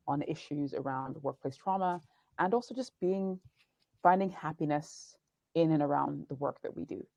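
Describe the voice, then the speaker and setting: Her voice is low and dark with vocal fry, recorded with no room sound. The guest is a woman in her forties, a documentary producer and speaker shaped by life in Nigeria, England and the United States. She answers thoughtfully and earnestly, often starting her sentences over.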